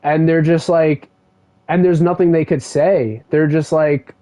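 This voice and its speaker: Streaming a game, a man with a fairly high, mellow voice talks in a steady tone and a little slowly. He chats casually and meanders through a story, with lots of fillers, over a dull lo-fi mic.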